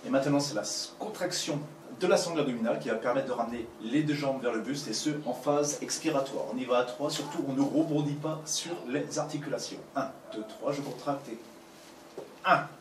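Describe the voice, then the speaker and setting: A man leading an abdominal workout, counting repetitions and giving slow, repeated breathing cues while he does the exercises himself. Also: medium pitch, recorded from a distance. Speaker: fitness coach. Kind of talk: guided exercise instruction. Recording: roomy, off-mic with clear background noise.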